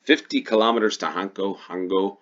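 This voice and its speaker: This man from the United States hosts and plays GeoGuessr, narrating casually, reasoning out loud, and correcting himself as he goes. His low, fairly bright voice moves at a fairly quick pace, and the recording is muffled.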